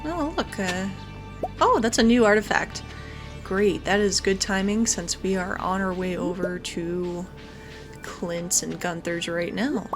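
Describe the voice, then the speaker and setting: An unhurried woman with a medium-pitched voice provides casual let's-play commentary. She's chatty, thinks aloud as she plays, and reads the game's dialogue out loud, all over background music.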